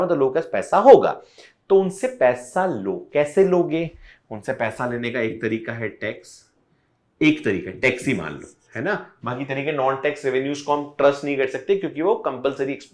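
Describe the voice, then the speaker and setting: A man's voice: medium pitch, lively intonation, moderate pace. A male economics teacher giving an online exam-prep lecture, explaining step by step and switching between Hindi and English mid-sentence. He talks straight to his students and repeats key points to make them stick.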